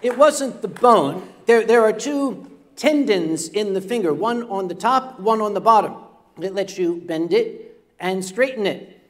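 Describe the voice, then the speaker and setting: A man's voice: high voice, lively intonation, unhurried. An older man telling a comic story on a convention stage, rambling and self-mocking with humorous asides. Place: convention stage before an audience.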